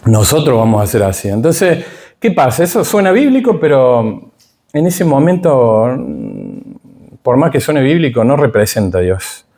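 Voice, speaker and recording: A man's voice: medium pitch, sing-song, normal speed, warm tone. A middle-aged man with a Rioplatense accent teaching a Bible class. He speaks with emphasis and keeps checking in with his listeners through rhetorical questions. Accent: Rioplatense Spanish.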